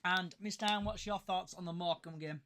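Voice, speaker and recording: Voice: medium pitch, fairly even intonation, a bit bright. A host teasing guests and running a live fan podcast. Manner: teasing, brisk.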